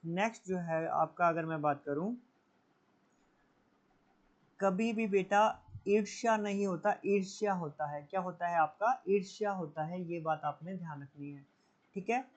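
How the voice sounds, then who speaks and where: A man teaching an exam prep lesson, calling students "beta" and repeating each correction with a quick "theek hai". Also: high-pitched. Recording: dull lo-fi recording.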